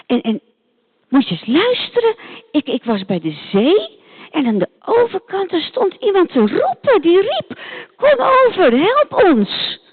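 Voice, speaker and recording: A woman's voice: extremely high pitch, wildly swooping pitch, unhurried, no echo, pitched above the performer's own voice, full character voice. A woman voicing the apostle Paul, an eager male preacher telling his friends, on a tinny phone-like recording.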